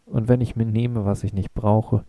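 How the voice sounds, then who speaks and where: A man's voice: on the low side, level tone, normal speed, mellow, no room sound, natural voice. A man reading a blunt, frank young woman. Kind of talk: audiobook reading.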